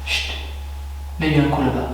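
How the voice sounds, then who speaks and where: A man hunting ghosts at night in an abandoned building, asking the spirits to show themselves in a hushed, hesitant voice. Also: a little high, moderate pace, background noise. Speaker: paranormal investigator. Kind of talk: calling out to spirits during a night investigation. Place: large abandoned building, indoors. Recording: echoey hall, distant camera mic.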